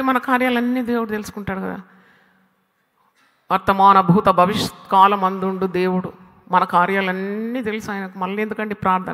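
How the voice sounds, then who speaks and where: A woman preacher delivering an animated sermon, firing rhetorical questions at her listeners and slipping English phrases into her talk. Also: mid-range voice, in a large hall.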